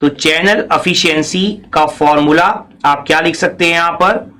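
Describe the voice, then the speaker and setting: A man's voice: a little high, fairly even intonation, normal speed, sharp tone. A man giving a recorded engineering lecture, explaining step by step, asking and answering his own questions, and mixing in English technical phrases.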